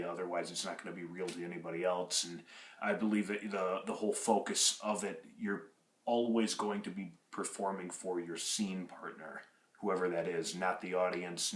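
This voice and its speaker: Applying for acting work, a Russian-born man in his twenties who grew up in Michigan answers audition questions loosely, with plenty of fillers and false starts. The low, somewhat bright voice echoes in the room.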